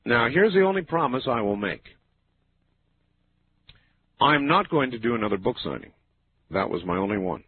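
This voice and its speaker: A man with a smooth radio host delivery, running a late-night call-in show and talking to his listeners. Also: medium pitch, sing-song, moderate pace, pauses often. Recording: tinny lo-fi radio broadcast with faint hiss.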